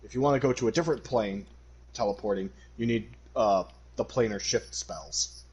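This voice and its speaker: A man in casual stream chat, excitable and rambling, breaking into dramatic outbursts. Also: lowish voice, moderate pace, slightly rough, muffled recording.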